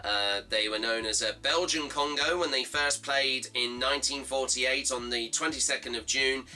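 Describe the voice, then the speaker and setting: Faint music sits behind a slightly hoarse man running a fan football show. Reading from notes, he gives results and previews a match in a stop-start way full of fillers, his mid-range voice bright and forceful.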